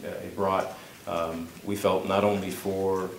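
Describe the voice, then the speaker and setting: A man answering press questions as a police spokesman, hesitant and measured. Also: low voice, flat delivery. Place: press conference room. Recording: echoey room with clear background noise.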